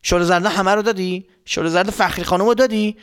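A man's voice: high-pitched, fairly even intonation, fairly bright tone, clean tone, voice pushed up. A man voicing a worried mother who nags her young son. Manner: worried, nagging. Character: fussing mother of a young boy.

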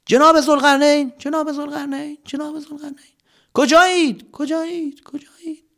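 A man voicing a wise holy old man in a storybook tale, calling out in high calls that fade away. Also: flat delivery, fairly bright tone.

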